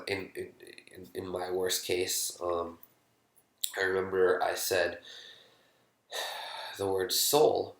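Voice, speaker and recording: A man speaking candidly to camera about his own experience, halting, with many fillers and restarts, sometimes dropping to a whisper. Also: low voice, roomy sound. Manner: drops to a whisper when quoting his own thoughts. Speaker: vlogger sharing his experience. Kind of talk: candid personal talk to camera.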